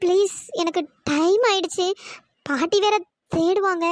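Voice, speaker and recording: A performer voicing a shy, flustered young woman who stammers, in a pitch-shifted cartoon voice. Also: unhurried, no echo, clean studio sound. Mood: flustered, teasing. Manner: hesitant, stammering.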